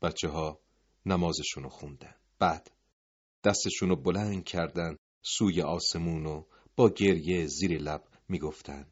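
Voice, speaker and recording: A man's voice: low-pitched, breathy edge. A man narrating a dramatic story in a grave, emotive voice, in a dull lo-fi recording.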